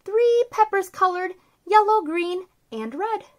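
In a small, decorated indoor room, a thirty-something woman reads a picture book to children in a bubbly, sing-song manner. Her voice is extremely high-pitched and animated, and she reads slowly.

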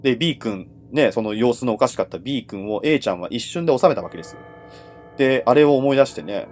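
A man telling ghost stories as a livestream host in casual, conversational speech, with dramatic pauses and phrase endings that trail off. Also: medium pitch, expressive, a little mellow, soft background music. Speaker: horror storyteller and host.

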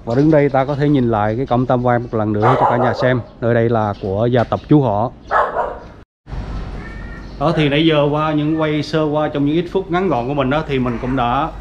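A man with a mid-pitched voice walks viewers around an old family grave site, talking in a loose, chatty way full of fillers. The sound is dull and lo-fi, with faint outdoor noise behind him. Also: fairly quick. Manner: chatty, many fillers, addresses viewers as everyone. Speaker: vlogger. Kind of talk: casual walking tour narration. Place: outdoors at a cemetery gate.

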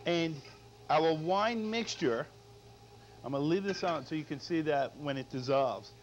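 A middle-aged chef with a slightly high voice and lively intonation talks in an unhurried way through an unscripted cooking demo, dropping frequent "all right?" tag questions. He's in a studio kitchen on a lapel mic, and the audio is dull, lo-fi, and noisy.

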